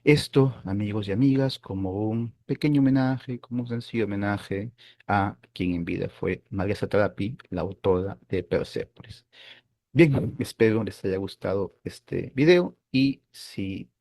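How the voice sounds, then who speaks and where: A man hosting a philosophy channel, talking through a film in a thoughtful, hesitant way, often pausing and checking in with his listeners. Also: fairly low pitch, creaky, warm tone. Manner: thoughtful, hesitant, with frequent "eh" and tag questions. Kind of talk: casual film commentary.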